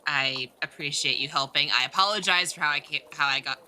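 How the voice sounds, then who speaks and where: Low-pitched, giggly woman player. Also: fairly quick, pushed and bright, a little hiss or hum. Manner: apologetic, giggly, rambling. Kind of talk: in-character tabletop role-play.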